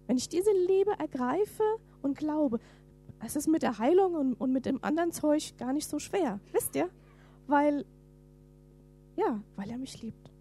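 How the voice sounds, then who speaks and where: A woman preaching a sermon, lively and dramatic as she reads scripture aloud, at times falling to a whisper. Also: high voice, measured pace, faint music behind.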